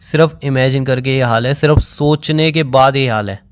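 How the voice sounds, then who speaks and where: A man's voice: medium pitch, normal speed, clear, resonant tone, dry recording. A young man on a phone call, tearful and crying, pleading insistently and repeating himself. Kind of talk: emotional phone conversation. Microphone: phone call recording.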